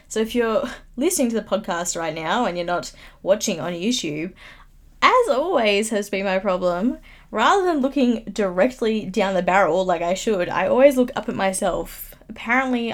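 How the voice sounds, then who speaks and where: A young woman of about nineteen chatting on her own podcast, rambling and teasing herself, recorded close on a good mic at home. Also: medium pitch. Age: late teens. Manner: chatty, self-mocking, giggly asides. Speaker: YouTuber. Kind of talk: casual solo podcast chat. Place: home room, upstairs. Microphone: studio microphone, close.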